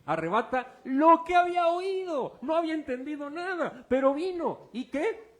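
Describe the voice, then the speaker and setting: A man's voice: extremely high pitch, big pitch swings, normal speed, a bit bright. A man preaching a sermon as pastor, informal and joking, quizzing his congregation with fill-in-the-blank questions. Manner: informal and joking, uses object illustrations.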